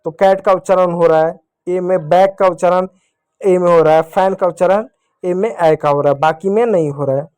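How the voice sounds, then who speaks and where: High-voiced man teaching children patiently. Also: steady tone, moderate pace, darkish tone, smooth, dry recording. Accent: Hindi. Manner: patient, repetitive, asks and answers his own questions. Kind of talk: classroom lesson.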